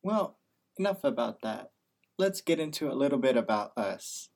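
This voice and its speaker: Here the same kind of speaker, a nineteen-year-old man who studies business and co-hosts a podcast, reads a scripted intro and then banters casually, teasing and joking. His mid-range, slightly mellow voice is very animated and moves at an ordinary pace.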